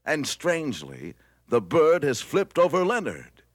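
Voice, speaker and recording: A man's voice: a little high, wildly swooping pitch, measured pace, no room sound, clean studio sound, heavily acted. An actor playing a bombastic announcer, a man narrating a superhero radio serial in a mock-dramatic, melodramatic way. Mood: excited suspense. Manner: grandiose, melodramatic.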